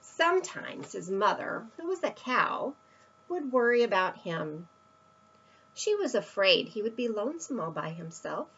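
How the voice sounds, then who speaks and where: A woman's voice: medium pitch, sing-song, unhurried, a bit bright, muffled recording, a little hiss or hum. A woman reading a children's picture book aloud, expressively, with emphatic stresses and asides to young listeners. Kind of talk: read-aloud children's storytelling.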